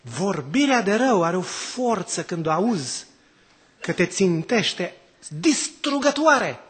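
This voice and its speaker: A man preaches a sermon in a notably high voice. He keeps putting rhetorical questions to the congregation, and his delivery swings between loud exclamations and quiet drops. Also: very animated. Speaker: priest.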